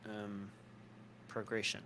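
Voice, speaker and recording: A man with a fairly low voice chats casually as co-host of a live show. He jokes, laughs easily and thinks out loud with plenty of fillers. A faint hum of background noise sits under him. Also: completely flat delivery, slow. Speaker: podcast co-host.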